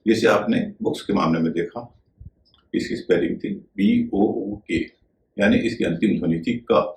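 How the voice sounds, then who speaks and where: A male teacher giving a video lesson on pronunciation, speaking in a measured way and spelling words out letter by letter. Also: on the low side, roomy sound, rough recording.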